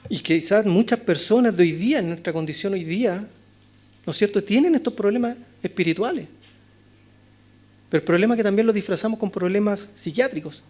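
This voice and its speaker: A man's voice: high voice, fairly quick. A male pastor with a Chilean accent preaching an expository sermon, asking rhetorical questions and often adding "¿no es cierto?". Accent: Chilean Spanish. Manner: rhetorical questions, frequent "¿no es cierto?", swings between loud and hushed. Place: church chapel.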